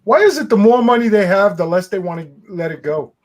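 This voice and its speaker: This is an older man in his sixties, hosting a relaxed stream chat. His voice sits noticeably high for a man. He is chatty and laughs easily, with an edge of complaint about people who pay late. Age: 60s. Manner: chatty, laughs often, grumbles about slow-paying clients. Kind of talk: casual chat.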